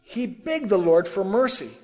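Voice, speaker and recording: A man's voice: high voice, big pitch swings, a little slow, warm tone, long reverb tail. A man telling a sermon testimony with earnest, emotional storytelling. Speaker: testimony preacher.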